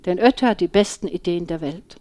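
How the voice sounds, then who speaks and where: A woman reading a children's story aloud with slow, expressive storytelling. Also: fairly low pitch. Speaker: audiobook reader.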